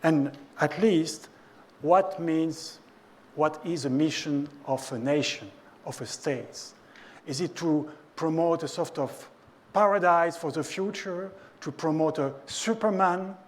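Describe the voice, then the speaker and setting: Middle-aged man, French accent, slightly raised pitch; measured prepared talk, halting with restarts. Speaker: ethics speaker.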